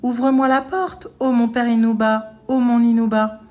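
A woman voicing a huge greedy male ogre in a read-aloud folk tale, loud and pushy. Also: medium pitch, animated, moderate pace, soft background music, lightly acted. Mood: sing-song.

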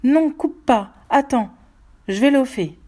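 A woman voicing a desperate older fisherman who shouts urgent, pleading orders in a storybook reading. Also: high-pitched, slow, pitched above the performer's own voice.

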